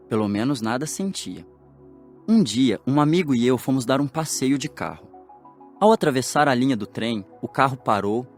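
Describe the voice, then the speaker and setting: Give me a good-humored dead man recounting his passing, with soft music behind. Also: medium pitch. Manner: lively storytelling with jokey asides. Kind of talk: audiobook drama acting.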